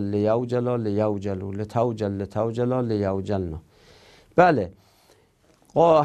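Male teacher, a bit of fry in a warm low-toned voice, steadily reading out rules and explaining them. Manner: methodical, reads rules aloud then explains them. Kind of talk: grammar lesson.

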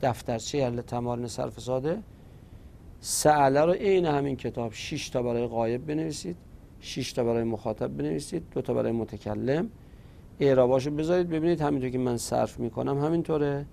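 A man's voice: mid-range voice, creaky, mellow, a little hiss or hum. A man teaching a recorded grammar lesson, patiently drilling verb forms one by one.

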